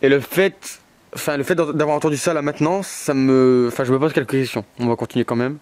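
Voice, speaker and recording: A man's voice: mid-range voice, steady tone, fast talker, a little mellow, slight background noise. A man exploring an abandoned brickworks, anxious and hesitant, thinking aloud with many fillers. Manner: raises voice to call out to spirits. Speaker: ghost hunter vlogger. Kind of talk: solo paranormal investigation vlog. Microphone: headphones on, portable recorder.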